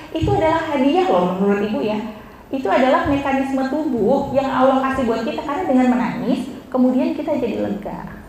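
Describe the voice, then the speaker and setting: A woman giving a lively, interactive mental health talk to teenagers, often asking the audience questions. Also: sits high. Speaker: seminar speaker on mental health. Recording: echoey hall with faint noise.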